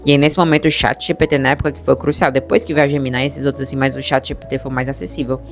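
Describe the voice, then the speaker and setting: Young Brazilian woman vlogger, low and quick, animated chatty confessional delivery. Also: faint music behind. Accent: Brazilian Portuguese. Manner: chatty, animated, addresses viewers as "gente". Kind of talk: personal storytelling to viewers.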